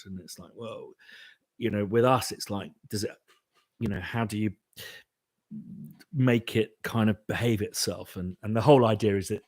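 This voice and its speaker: A British man with a fairly low voice hosts a casual live Q&A as a composer, answering viewers' questions. He rambles, restarting often and using lots of fillers. The recording has no room sound, and he speaks with a British English accent.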